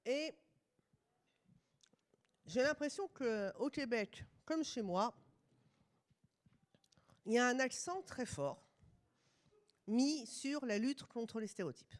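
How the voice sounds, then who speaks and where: A woman's voice: fairly high pitch, expressive, slow, pauses often. A middle-aged woman from France with a French accent, giving a conference lecture with ironic asides.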